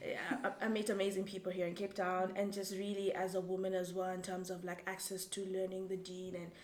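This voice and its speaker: A woman's voice: on the low side, monotone, darkish tone. Reflective young woman from Zambia, echoey. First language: Tumbuka. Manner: thoughtful, halting, with many restarts. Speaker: guest. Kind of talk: casual interview. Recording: echoey room, faint background noise.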